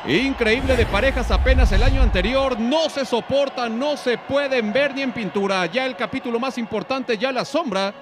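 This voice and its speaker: Male wrestling commentator, Mexican accent, theatrical excited phrasing, high register, clear arena noise behind. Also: moderate pace, few pauses. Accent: Mexican Spanish. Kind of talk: excited lucha libre commentary.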